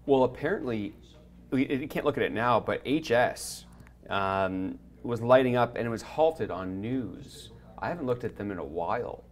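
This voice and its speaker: A man's voice: mid-range voice, moderate pace. A man co-hosting a live investing show, chatting casually and joking with his co-hosts. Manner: relaxed, joking, hedges on what he hears. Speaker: co-host. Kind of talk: casual banter.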